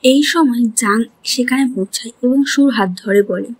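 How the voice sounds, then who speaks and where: Breathy, high-voiced woman narrating a drama recap. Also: moderate pace, no echo. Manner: retells scenes and reads all characters' lines in her own voice.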